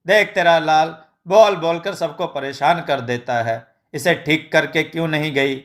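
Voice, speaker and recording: A man voicing a sharp-tongued village mother who scolds and mocks. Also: on the high side, a little slow. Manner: scolding and sarcastic.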